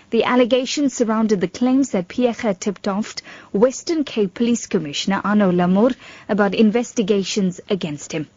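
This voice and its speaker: A woman's voice: mid-range voice, warm tone, no room sound, dull audio. A South African woman presenting a scripted radio news bulletin. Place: radio studio.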